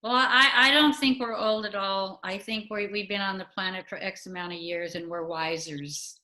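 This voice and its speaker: Older woman, bright sharp voice, emphatic, cussing, casual video call. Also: medium pitch, moderate pace. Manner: emphatic, swears freely.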